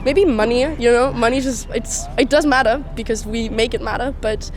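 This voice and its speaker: Interviewed on the street, an easygoing Austrian woman in her twenties who is travelling speaks at moderate speed in a higher voice, leaning on fillers like "like" and "you know." There's clear background music plus a little hiss or hum.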